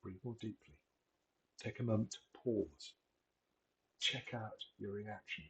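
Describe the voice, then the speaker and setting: A middle-aged man giving a gentle, measured talk on wellbeing, encouraging and unhurried with frequent pauses. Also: lowish voice, lo-fi sound, slight background noise. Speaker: wellbeing presenter. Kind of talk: reflective solo talk.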